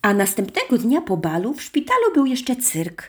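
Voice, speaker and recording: A woman reads a children's story aloud with sing-song expression. Her pitch climbs and dips a lot as she tells it. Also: wildly swooping pitch, moderate pace, husky. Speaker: narrator.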